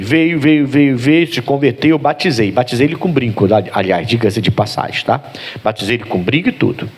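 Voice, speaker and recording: A man's voice: medium pitch, slightly rough. A man with a Brazilian Portuguese accent, a pastor preaching a sermon who acts out bits of dialogue along the way. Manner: animated preaching with acted-out dialogue.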